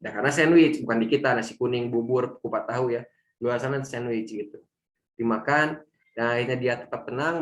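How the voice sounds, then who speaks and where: A man giving a casual storytelling talk at a religious study session, slipping in English phrases. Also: medium pitch. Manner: casual, mixes in English and Sundanese phrases, acts out quotes. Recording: roomy echo.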